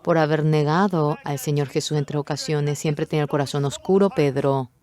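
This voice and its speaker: In a mid-range voice at a fairly quick pace, a speaker interprets a Bible sermon through expressive storytelling. The quoted lines get acted out, rooster calls included.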